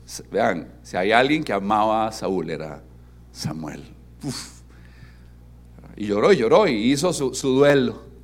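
A man preaching a sermon as pastor, animated and interactive, asking his congregation questions and dropping to soft, emphatic tones. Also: on the low side, a little slow, long pauses. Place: church service with congregation.

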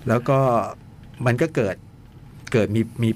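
A man's voice: unhurried, darkish tone, slight background noise. Rambling man retelling a film. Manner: rambling retelling with many restarts and repeated words. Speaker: film review co-host. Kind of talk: casual chat retelling a film plot.

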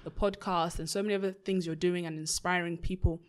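A woman's voice: on the low side, steady tone, fairly quick. Upbeat young woman podcast host. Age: young adult. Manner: upbeat, warm faith talk with frequent praise. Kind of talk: casual podcast conversation.

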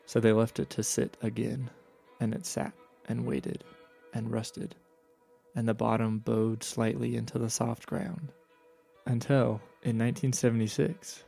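A man hosting a travel show, reading scripted narration in a measured, storytelling way. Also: medium pitch, creaky, dark tone.

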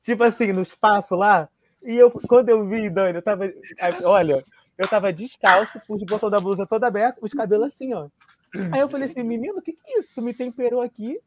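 A man's voice: high voice, fast talker, a crowd in the background. A man, chatting casually and telling funny stories, laughing as he goes. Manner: animated, laughing storyteller with dramatic asides. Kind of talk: casual chat, storytelling.

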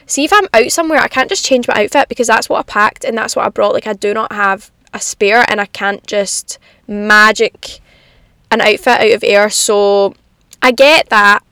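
A young woman chats casually and confidingly as a solo podcast host, in animated girly slang, from inside a parked car in the rain. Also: mid-range voice, moderate pace, clear, resonant tone, no echo, clean studio sound. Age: young adult.

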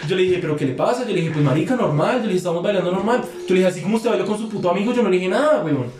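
A man's voice: high voice, animated, very fast, darkish tone, echoey room. A young man telling a long story among friends, slangy and profane, acting out both sides of a quarrel. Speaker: podcast guest.

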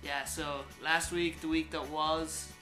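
A man's voice: fairly high pitch, flat delivery, slow, pushed and bright. An Irish man hosting a casual podcast chat among friends. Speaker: podcast host. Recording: roomy echo, music behind.

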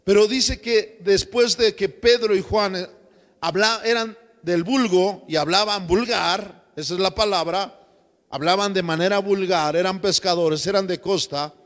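A man preaching a sermon as pastor, lively and joking, slipping into slang voices. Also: high voice, a little slow, long reverb tail. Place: church.

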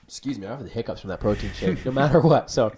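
A young man hosts a casual church podcast chat in an upbeat, slangy way. His voice sits at an ordinary pitch for a man. He talks easily and loosely with his co-host. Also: expressive, fast talker, warm tone, a little hiss or hum. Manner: slangy and upbeat, says bro and wicked.

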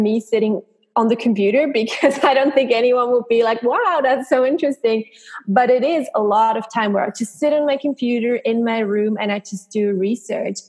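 A female interview guest talks in a fairly high voice. She explains things casually and conversationally, slipping into quoted thoughts as examples. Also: a little mellow. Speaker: interview guest, freelance social media marketer.

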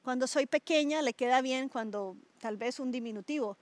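Lady pastor preaching, high voice, dry close sound, chatty and animated. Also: moderate pace, dry recording. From Colombia. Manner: animated, asks listeners questions, stretches words for emphasis. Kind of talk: conversational sermon to a small group.

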